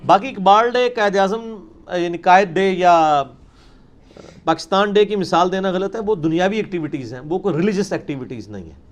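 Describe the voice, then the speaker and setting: Male scholar, high-pitched, emphatic explanatory lecture delivery. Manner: emphatic, explanatory, with many English terms. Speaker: religious scholar answering questions. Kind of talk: lecture-style Q&A answers.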